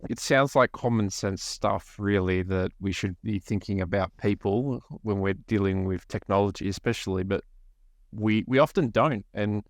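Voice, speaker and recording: A man's voice: lowish voice, normal speed, dry recording, clean studio sound. A man hosting a podcast interview, casual and chatty, with frequent fillers. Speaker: podcast host.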